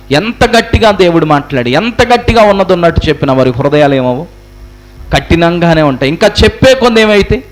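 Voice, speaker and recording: A man's voice: high voice, low-quality recording. A pastor preaching a sermon to his congregation, firing rhetorical questions and repeating phrases for emphasis. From India.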